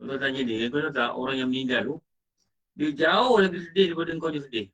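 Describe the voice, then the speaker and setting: A man's voice: medium pitch, fast, fairly bright tone. A man with a Malaysian Malay accent giving an Islamic lecture as a religious teacher, asking his listeners questions and acting out quoted dialogue. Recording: distant muffled mic.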